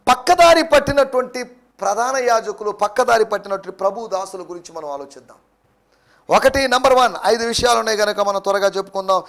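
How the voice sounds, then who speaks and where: High, gravelly male preacher. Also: fairly quick, fairly bright tone. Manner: preaching with English phrases mixed in, emphatic. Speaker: pastor. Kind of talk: sermon.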